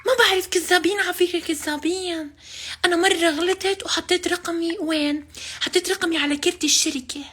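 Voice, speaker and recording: A man's voice: very high voice, fairly even intonation, fairly quick, pushed and bright. A man doing a woman's voice as a coy, coaxing young woman on a prank call, with a Levantine Arabic accent. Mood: soothing.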